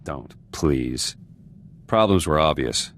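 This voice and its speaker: In dramatic video game voice acting, a man with a very deep, slightly bright, exaggerated voice plays an embittered resistance fighter turned politician, hard and vengeful. He speaks slowly and expressively yet tersely and guardedly, in clipped fragments with dropped words, over slight background noise.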